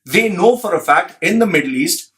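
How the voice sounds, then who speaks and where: A man's voice: sits high, animated, normal speed, a bit bright. A man giving a blunt, profane commentary, repeating phrases for emphasis and reading out an article.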